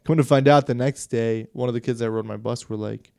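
A man's voice: mid-range voice, steady tone, creaky, dark tone, dry recording, studio quality. A young man co-hosting a podcast, talking in a laid-back, slangy way. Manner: laid-back, slangy, quick agreeing replies. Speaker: podcast co-host. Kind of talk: casual chat.

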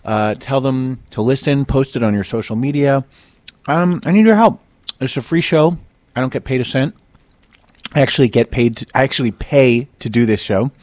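A man's voice: medium pitch, animated, moderate pace, darkish tone, no room sound. A man hosting a comedy podcast from a studio, campy, brash and playful in casual chat. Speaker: podcast host. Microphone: studio mic.

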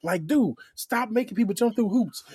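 This co-host of a laid-back sneaker podcast has a high voice and keeps a moderate pace. He's animated and profane, doing over-the-top impressions to make fun of others.

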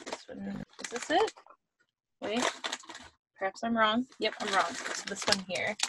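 A woman's voice: medium pitch, heavy background noise. Chatty woman on a video call. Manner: chatty, repeats words, laughs often. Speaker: podcast co-host. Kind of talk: casual chat, tasting snacks.

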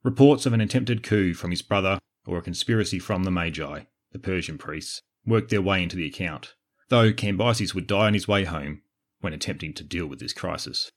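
An Australian man hosting a history podcast, reading scripted narration in a measured, explanatory way. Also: sits low. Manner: measured, explanatory, answers listener questions.

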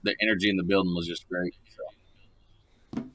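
A man in his thirties with a very low voice that still has a bright, forceful edge. He speaks casually, as a rapper being interviewed. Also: level tone, a little fast, slight background noise, rough recording. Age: 30s. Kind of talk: casual chat.

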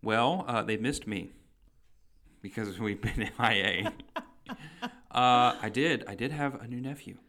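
A man co-hosting a relaxed podcast, trading jokes with his co-host. His humor is dry and teasing, and he often makes himself the punchline. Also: mid-range voice, measured pace, pauses often. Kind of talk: casual chat.

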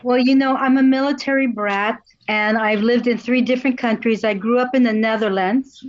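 A woman guest on a video call who tells her story openly and speaks slowly and warmly. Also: fairly high pitch, fairly even intonation. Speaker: guest, artist and activist. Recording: dry, dull video-call audio.

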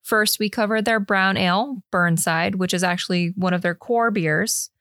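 The woman's medium-pitched voice is a bit bright, with a moderate pace and clean studio sound free of echo. She hosts a relaxed podcast on beer, poking fun at herself and alternating between off-the-cuff chat and reading notes.

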